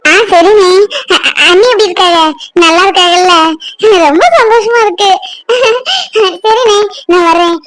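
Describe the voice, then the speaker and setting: A woman voicing a hot-tempered young wife and sister in a cartoon, scolding and then excitable. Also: very high-pitched, moderate pace. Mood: excited.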